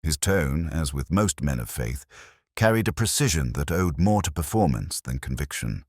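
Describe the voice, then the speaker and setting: A very deep voice from a male actor plays a world-weary, erudite male police inspector narrating his own detective story. The delivery is measured and reflective, with expressive rises and falls in pitch. The sound is dry and close, with little room around it. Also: no echo, full character voice. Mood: brooding, reflective. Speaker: narrator in character.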